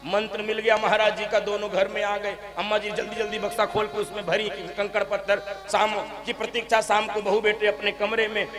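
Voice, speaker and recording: A man giving devotional katha storytelling, lively and laughing as he acts out an old couple and their family in different voices. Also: high-pitched, fairly quick, hardly any pauses. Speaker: religious storyteller. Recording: echoey hall with music behind.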